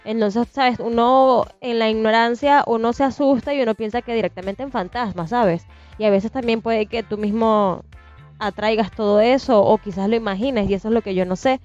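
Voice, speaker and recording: A woman in her thirties, co-hosting a casual podcast chat, telling a personal ghost story with animated, acted-out detail. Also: fairly high pitch, normal speed. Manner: animated storyteller, swears it's true, acts out scenes. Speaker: podcast co-host. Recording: dull lo-fi sound with faint music.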